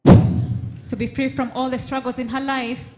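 A woman narrates what is happening at a deliverance service, declaring each step. Her voice is a little high and sounds long and reverberant in the hall. Loud noise runs behind her. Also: level tone, a little slow. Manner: announcing, declarative. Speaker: service commentator. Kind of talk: live deliverance commentary.

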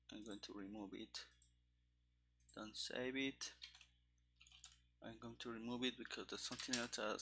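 Over the sound of typing and mouse clicks, a thirty-something man hosting a coding stream talks through his work at a computer desk in an indoor room. He speaks into a headset in a lowish voice, halting and muttering to himself, with noise in the background.

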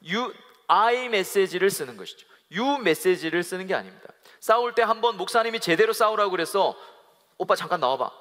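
A pastor delivering a humorous sermon to a live congregation, acting out little quoted exchanges between couples and leading the people in call-and-response. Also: male voice, high voice, lively intonation, moderate pace, fairly bright tone. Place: church worship hall. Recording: live in a reverberant worship hall.

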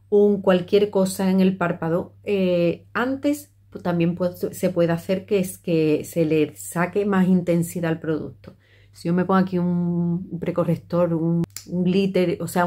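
A woman's voice: fairly low pitch, mellow. A middle-aged woman, chatting her way through a makeup tutorial with many fillers and restarts. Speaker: makeup vlogger.

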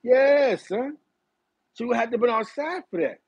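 A middle-aged man from East Harlem with a New York accent, telling stories in a casual chat from a small room, animated and talking with his hands. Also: very high-pitched, moderate pace, slightly rough, dry recording, lo-fi sound. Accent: New York City. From East Harlem, New York City. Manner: animated, gestures a lot while reminiscing. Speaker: host. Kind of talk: casual storytelling to a live chat. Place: small bright room indoors.

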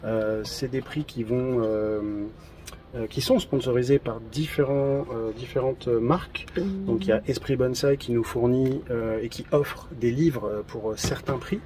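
An event organizer in his thirties presents trophies outdoors in a garden, chatting in a relaxed, hesitant way with lots of fillers. His mid-range voice is measured in pace, with a little hiss or hum in the recording.

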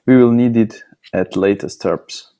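Low-voiced man demonstrating software. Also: a little slow. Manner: plain step-by-step explaining with hesitant fillers. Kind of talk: screencast product demo narration.

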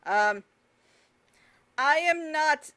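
A woman's voice: sits high, expressive, very slow, bright, forceful tone. A young adult woman giving joking, playful let's play commentary while she plays through a game. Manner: joking, playful, self-mocking. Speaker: gameplay streamer.

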